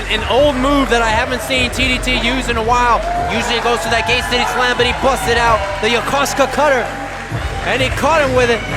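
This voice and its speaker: A man doing live wrestling commentary, emphatic and excited, repeating phrases as he shouts about the action. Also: very high voice. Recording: loud crowd and music behind.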